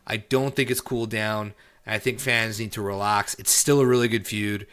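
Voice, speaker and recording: A man's voice: on the low side, steady tone, normal speed, fairly bright tone, smooth. A man co-hosting a wrestling podcast, chatting casually and opinionatedly, repeating points for emphasis. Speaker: podcast co-host.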